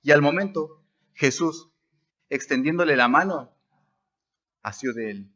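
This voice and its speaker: A man's voice: fairly high pitch, animated, unhurried, bright, forceful tone, highs cut off. A man preaching a sermon as pastor at a church service, stressing words by rising and dropping his voice.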